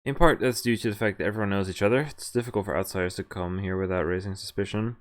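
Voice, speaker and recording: A game streamer with a fairly low, fairly even voice reads a visual novel's dialogue and narration aloud at a quick pace during a live stream. He's playful, breaking into laughs and casual asides, with the game's background music playing behind him.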